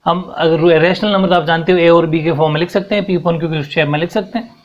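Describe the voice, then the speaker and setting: A young male teacher working through a proof on the board, with a voice pitched a little high for a man. He goes step by step and keeps asking the class whether they follow. The recording is dull and lo-fi. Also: steady tone, fast talker. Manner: explains step by step, mixing in English terms, keeps checking understanding. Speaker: math teacher. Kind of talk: whiteboard math lesson.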